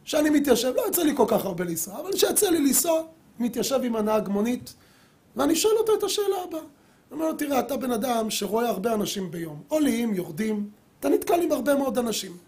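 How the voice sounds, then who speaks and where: A middle-aged man, a rabbi, giving a sermon and telling a story, acting out the quoted dialogue with lively voices. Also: very high-pitched. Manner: animated storyteller who acts out quoted dialogue.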